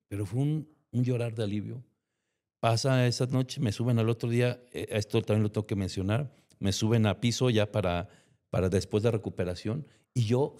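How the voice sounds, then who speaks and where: A Mexican-accented guest with a mellow, lowish voice tells an emotional personal testimony. Along the way, he acts out the conversations he remembers.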